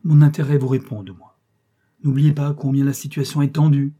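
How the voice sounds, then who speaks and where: Man voicing a smooth self-assured young marquis. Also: medium pitch, little pitch movement, fairly quick, dark tone, lo-fi sound, pitched above the performer's own voice, natural voice. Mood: insistent.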